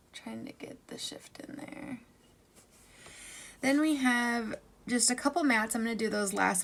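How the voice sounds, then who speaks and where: Casting: female beauty vlogger, bubbly makeup-tutorial chat, slightly high voice with noticeable vocal fry. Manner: gushing, bubbly, chatty asides. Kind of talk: chatty makeup tutorial, swatching eyeshadow.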